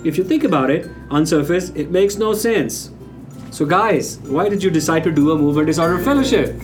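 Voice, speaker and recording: A man hosting a podcast, opening the show and putting questions to his guests in a measured, formal way. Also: on the high side, expressive, over music. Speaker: podcast host. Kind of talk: hosted podcast discussion.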